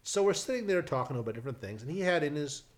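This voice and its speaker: A middle-aged man, a television writer, telling a lively anecdote in casual conversation, with frequent restarts and asides. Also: fairly high pitch, rapid-fire.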